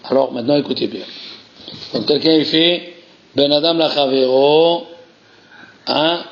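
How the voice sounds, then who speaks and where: A man giving a Torah lesson as a rabbi, animated, repeating key phrases and weaving Hebrew terms into his French. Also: fairly high pitch, measured pace, vocal fry, a little hiss or hum. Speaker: rabbi teaching a class. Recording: muffled lo-fi recording.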